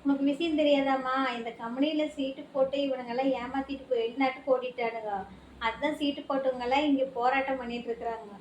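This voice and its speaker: A woman's voice: high voice, steady tone, quick pace, a little mellow, echoey room, slight background noise, natural voice, rough recording. A woman playing a passerby who explains the news matter-of-factly in a home-made family skit.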